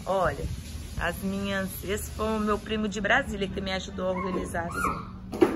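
Filming on a handheld phone outdoors, a woman gives a casual garden tour for her vlog, gushing effusively over each plant and repeating her admiring praise often. Her mid-range voice swoops wildly in pitch at a normal speed, and there is heavy background noise.

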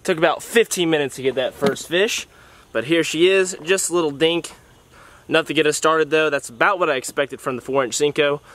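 A young adult man, a fishing vlogger, chats upbeat to his viewers while fishing from a small boat outdoors, filmed on an action camera. His voice is fairly high, brisk, and fairly bright.

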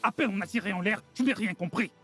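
Domineering gang boss, highish husky voice, emphatic scolding, dubbed film drama. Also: male voice, fast talker, sharp tone, faint music behind, full character voice. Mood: angry scolding. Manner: scolding, emphatic, repeats himself. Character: domineering, indignant male street gang boss.

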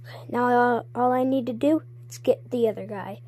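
Woman, giggly, chatty, high voice, dry close sound, toy skit narration. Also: normal speed, mellow, dry recording. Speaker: toy video creator.

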